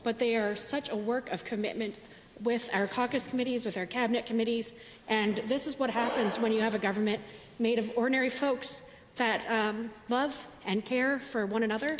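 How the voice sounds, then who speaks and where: A woman's voice: on the high side, steady tone, normal speed. A woman government minister giving an earnest floor speech in a legislative chamber, with frequent filler sounds. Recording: long hall reverb with faint noise.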